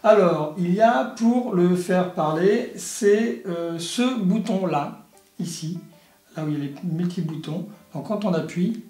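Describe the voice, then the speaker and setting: A man presents a product in a casual, halting, explanatory way, as in a hands-on toy review. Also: sits high, darkish tone. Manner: halting, explanatory, punctuated with little sound effects. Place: indoor room. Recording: echoey room, faint music behind.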